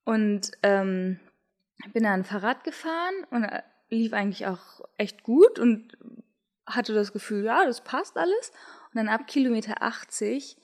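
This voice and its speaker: A young German-speaking woman in casual conversation, telling a race story in a relaxed way with frequent fillers. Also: fairly high pitch, unhurried. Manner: relaxed, thinking aloud with fillers. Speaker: podcast co-host, triathlete.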